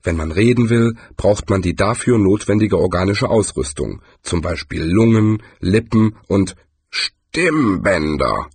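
A man voicing a friendly, pedantic talking tree that lectures slowly. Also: deep voice, animated, a little mellow, slightly rough, dry recording, exaggerated voice. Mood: friendly lecturing.

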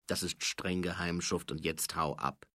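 A man's voice: low-pitched, steady tone, a little slow, bright, forceful tone, dry recording, studio quality. A man doing a sly, scruffy watch corporal. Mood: dry.

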